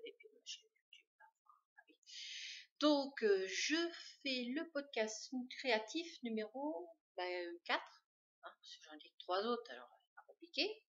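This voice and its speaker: A woman's voice: mid-range voice, a bit bright. A woman hosting a knitting podcast, showing her projects in a chatty, hesitant way with many fillers. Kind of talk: casual show-and-tell chat. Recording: dull lo-fi sound.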